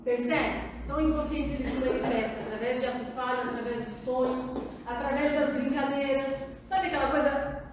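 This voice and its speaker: Brazilian woman analyst, audience Q&A in a big hall; high voice, very echoey distant recording. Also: steady tone, brisk, few pauses, noisy background. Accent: Brazilian Portuguese. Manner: warm, conversational, asks the audience often. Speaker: psychoanalyst giving a talk. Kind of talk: public talk answering audience questions. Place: large meeting hall. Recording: very echoey hall, voice far from mic.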